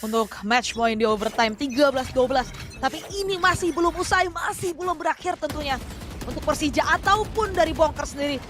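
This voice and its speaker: An Indonesian woman commentates an esports match in a high-pitched voice. She narrates the play as it happens and peppers it with English gaming terms. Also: fairly quick.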